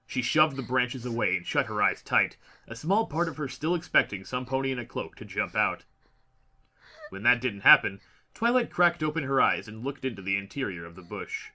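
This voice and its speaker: Reading fiction from a script, this dramatic audiobook narrator speaks with a bright, forceful tone at a typical male pitch.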